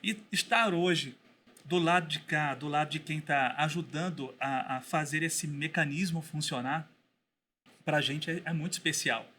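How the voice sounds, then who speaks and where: A man speaking as a podcast guest and teacher, telling a story in a thoughtful way with pauses and restarts. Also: a little high, sharp tone, a little hiss or hum. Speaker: guest, Bible school teacher. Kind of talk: casual podcast conversation.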